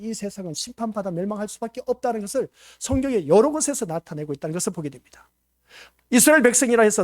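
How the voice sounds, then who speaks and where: A male pastor preaching a sermon, asking the congregation rhetorical questions and swinging between loud emphasis and hushed asides. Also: high voice, no room sound, clean studio sound. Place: church.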